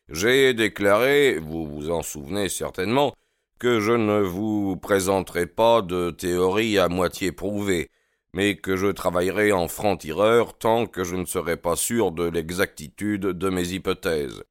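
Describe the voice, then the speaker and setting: A man voicing a confident, cordial male detective in an audiobook reading, speaking briskly and earnestly. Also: low-pitched, clear, resonant tone, no room sound, clean studio sound.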